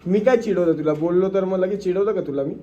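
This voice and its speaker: A man's voice: high voice, fast talker, mellow, muffled recording, a little hiss or hum. A young man with a Marathi accent, teasing and joking in casual couple vlog banter. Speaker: vlogger, husband.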